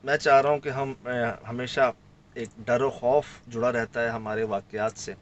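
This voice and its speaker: A man from Sindh, Pakistan, speaks at medium pitch, with the highs cut off in the recording. As a guest in a casual conversation, he recounts a field trip in an animated way, acting out the quoted lines of the people involved.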